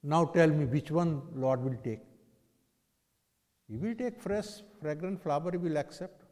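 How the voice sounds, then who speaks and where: A man's voice: fairly high pitch, a little slow, mellow. North Indian man preaching in a reverberant hall. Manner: didactic, poses rhetorical questions to listeners. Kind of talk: religious discourse in English with Hindi and Sanskrit phrases.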